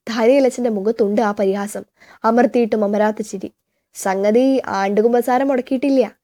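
A woman reading a novel aloud in a steady, measured narration. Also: a little high.

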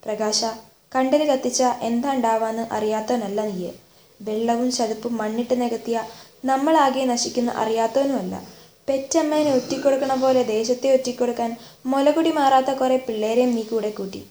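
A woman's voice: on the high side, steady tone, normal speed, dark tone, echoey room, slight background noise, lightly acted. A woman voicing a stern, defiant older village man in a read-aloud story, speaking firmly. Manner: firm, warning.

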